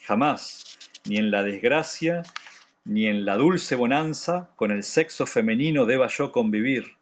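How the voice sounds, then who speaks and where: A man's voice: mid-range voice, lively intonation, lightly acted. A man reading as a stern ancient king. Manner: reading aloud with measured emphasis.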